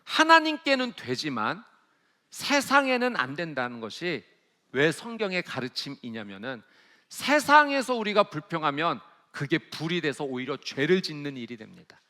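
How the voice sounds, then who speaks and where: High, animated male preacher. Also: normal speed. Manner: emphatic preaching with rhetorical questions to the congregation. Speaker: pastor. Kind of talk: sermon.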